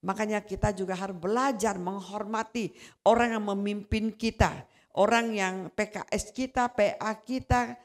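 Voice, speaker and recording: Delivering a sermon at a moderate pace, a woman tells her personal testimony in a conversational tone, her medium-pitched voice growing animated as she recounts quarrels.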